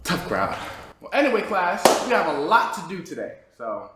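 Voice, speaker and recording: A man playing an awkward, dramatic high school teacher who talks slowly and bursts into shouts. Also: wildly swooping pitch, very noisy. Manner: slow, theatrical, bursts into shouting. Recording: echoey classroom with music.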